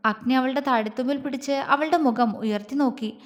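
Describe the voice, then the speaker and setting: A woman storyteller narrating a romance audio story in a soft, steady, intimate way. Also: sits high, moderate pace, in a large hall.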